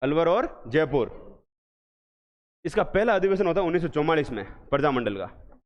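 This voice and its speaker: A man teaching an exam revision class, asking questions again and again and answering them slowly and with emphasis. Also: a little high, lively intonation. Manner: drills students with repeated questions, slow emphatic answers. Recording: echoey hall, dull lo-fi sound.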